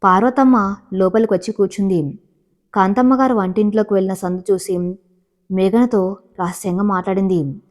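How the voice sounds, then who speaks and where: Woman reading a romance story aloud, steady and even, middle pitch. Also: moderate pace, pauses often. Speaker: narrator. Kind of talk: storybook narration.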